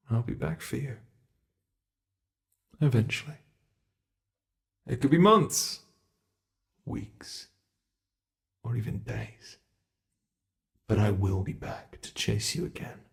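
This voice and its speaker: In an ASMR horror roleplay, a British man voices a sadistic male monster lurking under the bed. His mid-range voice is gravelly, and he speaks slowly, taunting and menacing, often drifting into whispers.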